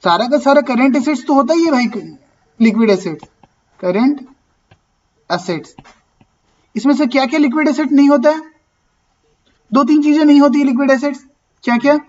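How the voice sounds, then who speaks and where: A man's voice: very high-pitched, moderate pace, pauses often, lo-fi sound. A man teaching an accounting class, talking casually and asking and answering his own questions. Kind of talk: classroom lecture.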